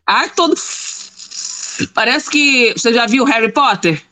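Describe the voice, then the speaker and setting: A woman's voice: fairly high pitch, measured pace, sharp tone. Emphatic woman chatting on a live show. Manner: emphatic, repeats herself for effect. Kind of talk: casual chat.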